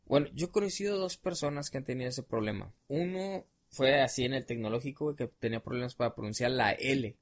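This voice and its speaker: A man's voice: mid-range voice, fast, hardly any pauses. Slangy young Mexican man rambling. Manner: rambling, slangy, many fillers. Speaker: podcast guest. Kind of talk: casual storytelling chat.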